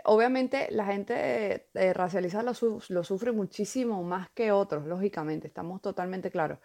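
Woman telling stories haltingly. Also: medium pitch, warm tone. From Venezuela. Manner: halting, repeats words while storytelling. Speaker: podcast co-host. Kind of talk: casual chat.

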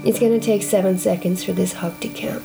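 A woman performing a reflective spoken-word monologue, slow and deliberate, speaking intimately to the listener and asking many questions. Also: medium pitch, fairly even intonation, creaky, poor audio. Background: loud guitar music.

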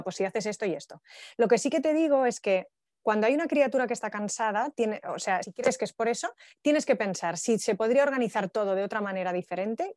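A woman pedagogical coordinator leading an online talk with parents, explaining calmly and acting out little quoted dialogues between adult and child. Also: medium pitch, dry recording, clean studio sound.

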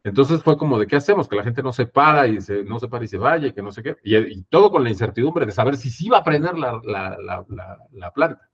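A man with a Mexican accent, a theater producer in a casual interview, telling stories lively with many fillers and tag questions. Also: medium pitch, a little fast, slight background noise. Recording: dull lo-fi audio.

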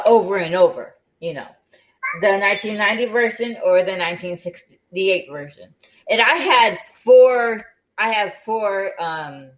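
A woman's voice: medium pitch, low-quality recording. A woman hosting a podcast in casual chat, tired and yawning, with many fillers and restarts. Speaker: podcast host.

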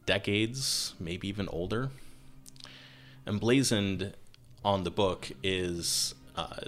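A man narrating a tabletop role-playing game as game master, telling the scene in a relaxed way with many fillers. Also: low-pitched.

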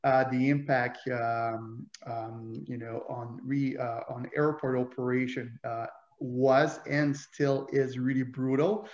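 A man's voice: mid-range voice, flat delivery, slow pace, darkish tone. A man with a French Canadian accent, a native French speaker, talking in a casual interview with many hesitations. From Quebec, Canada. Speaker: guest. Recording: roomy, dull lo-fi remote audio.

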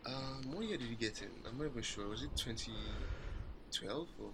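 A man's voice: medium pitch, animated, fairly quick, fairly bright tone, slightly rough, low-quality recording. A man co-hosting a podcast in a laid-back, casual sports chat. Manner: laid-back, uses Nigerian slang like "sef" and "let me not lie". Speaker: podcast co-host.

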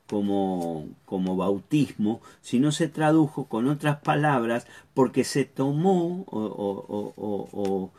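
A man teaching a Bible lesson, halting often, repeating words and checking in with the listener. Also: fairly low pitch, warm tone.

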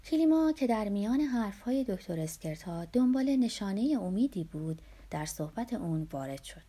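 A woman narrating a novel as an audiobook, in a steady, even storytelling manner. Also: medium pitch, husky.

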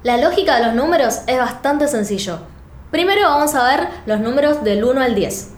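High-voiced patient language teacher. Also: female voice, lively intonation. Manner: patient, drills each word slowly. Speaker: Mandarin teacher. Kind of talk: instructional video lesson. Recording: echoey room, faint noise, played clip.

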